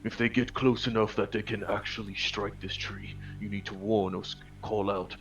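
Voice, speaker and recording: A man speaking as his armored adventurer character, giving brisk, commanding orders. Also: on the low side, little pitch movement, fairly bright tone, highs cut off, faint music behind, lightly acted. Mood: urgent. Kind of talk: tabletop character voice.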